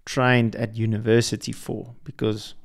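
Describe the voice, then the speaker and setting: A fairly low voice with little pitch movement and vocal fry belongs to a young adult podcast host whose first language is Afrikaans. Unhurried, he delivers a solo reflective monologue, hesitating with frequent restarts and fillers.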